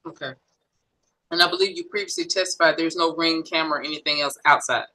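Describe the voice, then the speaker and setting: Woman, prosecutor, bright clear voice, methodical questions, courtroom. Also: sits low, steady tone, fast, rough recording. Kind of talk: courtroom direct examination.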